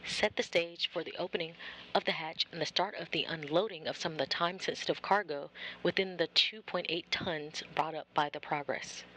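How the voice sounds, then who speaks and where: A mission control commentator giving measured, formal live coverage of a spacecraft operation. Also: medium pitch, sharp tone, rough recording. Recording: faint background noise.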